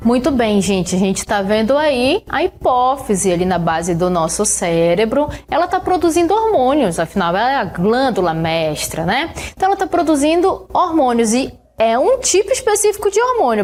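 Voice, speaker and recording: A woman teacher with a Brazilian Portuguese accent gives a recorded science lesson in a fairly high, very animated, slightly mellow voice. She explains slowly and step by step, often checking in with her students using "né?" and "tá bom?".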